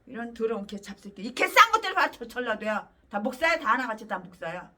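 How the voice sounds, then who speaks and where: A woman pastor delivers a fiery sermon in an angry, scornful rant full of crude insults. Her voice is high and bright, with a sharp, piercing edge. She sounds set back from the microphone. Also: very animated, brisk, recorded from a distance, slight background noise. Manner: angry, scornful, profane ranting.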